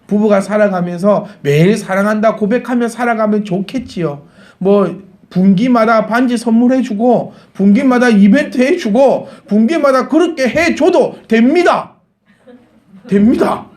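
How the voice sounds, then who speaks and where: A man, a pastor with a Gyeongsang accent, preaching a Sunday sermon to his congregation, building to emphatic peaks and joking along the way. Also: high voice. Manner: animated, rising to emphatic peaks, laughs with the congregation. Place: church sanctuary.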